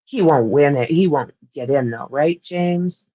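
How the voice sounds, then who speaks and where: A woman with a deep, warm voice and a Canadian accent speaks at a measured pace while hosting a livestream. She rambles in casual chat with viewers and laughs frequently. The recording is dry and dull.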